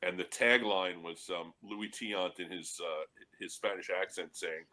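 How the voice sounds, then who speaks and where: A man with a low, forceful voice who tells stories on a panel discussion. He chats in a relaxed way and breaks into chuckles between stories. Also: a little slow. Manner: storytelling with chuckles. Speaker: panel guest.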